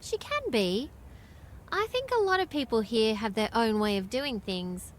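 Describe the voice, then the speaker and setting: A woman's voice: fairly high pitch, big pitch swings, unhurried, a little hiss or hum. An actress with an Australian accent playing a friendly, knowledgeable small-town woman in video game dialogue, chatty and explanatory. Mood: friendly, earnest.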